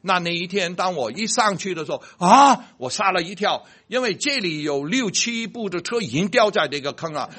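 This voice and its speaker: A man telling a personal faith story about a car accident, checking that listeners follow him and stumbling over words when excited. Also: high-pitched, moderate pace, hardly any pauses, slightly rough. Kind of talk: animated storytelling.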